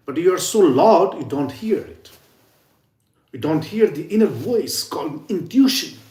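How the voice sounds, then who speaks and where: Warm in tone and a little high, the man's voice rings out in a reverberant room. As a yoga and sound healing teacher, he offers an earnest, informal spiritual talk about sound healing, regularly hushing to near whispers to underline ideas.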